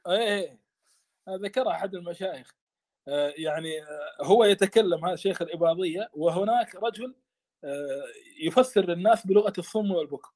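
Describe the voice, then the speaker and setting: Fast, high-voiced impassioned male teacher. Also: a little mellow. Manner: impassioned, stammers and repeats words. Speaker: teacher explaining a classical text. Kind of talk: study lesson.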